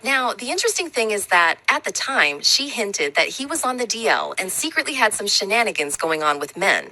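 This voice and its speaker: A woman's voice: medium pitch, big pitch swings, brisk, pushed and bright, low-quality recording. A woman hosting a celebrity gossip show, narrating in a casual, slangy storytelling manner.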